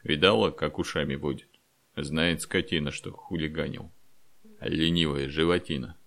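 Audiobook: battle-worn veteran played by a male narrator, deep and gravelly, sardonic and tough. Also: steady tone, normal speed, fairly bright tone, exaggerated voice. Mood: gruff. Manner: gruff, mocking. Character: gruff veteran soldier man, sardonic and tough.

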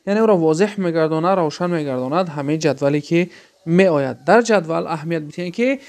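A male teacher with a gravelly, slightly high voice explains grammar patterns one by one. He poses questions to his listeners and then answers them himself in a patient lesson style. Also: darkish tone.

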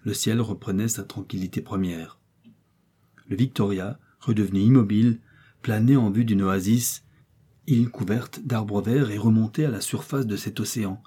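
A man narrating a classic adventure novel as an audiobook, telling it with steady drama. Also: lowish voice, normal speed, breathy edge. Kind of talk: scripted narration.

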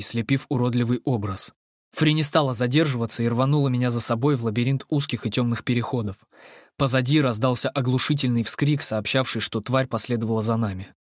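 A man reading first-person fantasy audiobook narration in a steady, measured way. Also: medium pitch, no room sound, clean studio sound.

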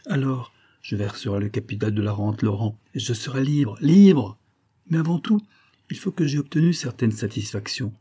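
A man's voice: medium pitch, brisk, warm tone, slightly rough, natural voice. A man reading an audiobook, voicing a bitter, obsessive middle-aged man who argues insistently that he is wronged. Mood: scornful. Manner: agitated, reasoning aloud, insistent.

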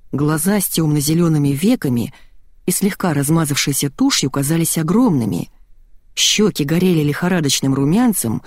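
A woman narrating a comic novel in first person, in a lively, expressive reading. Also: low voice, no echo, clean studio sound. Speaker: audiobook narrator.

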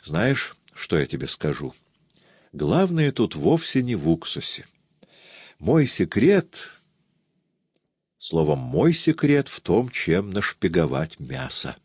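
A man's voice: on the low side, sing-song, slow, pauses often, slightly rough, no echo, clean studio sound, exaggerated voice. A man voicing a kindly, fussy older aunt who chatters in a confiding way. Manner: warm confiding chatter, raised voice.

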